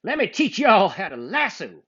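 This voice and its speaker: A man's voice: high-pitched, huge pitch swings, moderate pace, a bit bright, husky, voice pushed up, full character voice. A man voicing a hearty, folksy cowboy camp leader in a storybook reading, on a muffled lo-fi recording.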